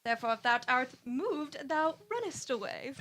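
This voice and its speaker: Casting: woman reading a cocky young male brawler, high bright voice, teasing, amateur read. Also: very animated, normal speed. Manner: teasing, laughs between lines. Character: brash young male servant picking a fight.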